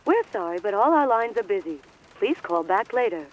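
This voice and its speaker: An actress voicing a law-firm receptionist who answers calls politely and formally, heard over a phone line. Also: female voice, medium pitch, big pitch swings, normal speed. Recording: noisy, distant phone line.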